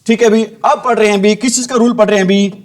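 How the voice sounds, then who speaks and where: Man with a high voice, Haryanvi accent, spelling teacher, asks questions and answers them himself, repeats rules. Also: fairly even intonation, quick pace. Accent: Haryanvi Hindi. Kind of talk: classroom lesson.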